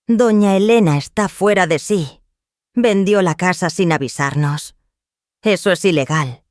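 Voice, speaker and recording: A woman's voice: measured pace, no room sound, clean studio sound, close to an everyday voice. A woman voicing a furious, hysterical young daughter-in-law. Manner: hysterical, shrill accusations.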